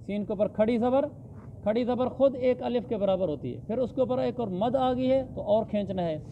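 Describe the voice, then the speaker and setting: Man, high voice, Quran recitation lesson, slow drawn-out verses, dull lo-fi recording, faint noise. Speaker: Quran teacher.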